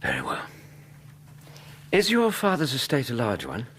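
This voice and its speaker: An actor with an English accent playing a courteous, kindly doctor in a radio drama, reassuring and gently probing. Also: male voice, mid-range voice, huge pitch swings, moderate pace, slightly rough, full character voice. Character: Doctor Watson, courteous, kindly male physician and investigator's companion.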